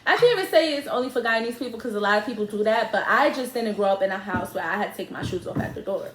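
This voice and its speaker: A woman's voice: mid-range voice, animated, fast, a bit bright, soft background music. A young woman, casually and animatedly telling a story to her viewers, laughing and using slang. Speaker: vlogger, co-host with partner. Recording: echoey room.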